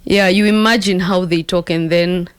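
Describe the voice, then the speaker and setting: A Kenyan woman with a fairly low voice talks through advice in a conversational way. She slips between English and Swahili and repeats phrases to drive a point home. The sound is close and dry. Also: fairly even intonation, moderate pace, clean tone, no echo. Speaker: talk show host giving relationship advice.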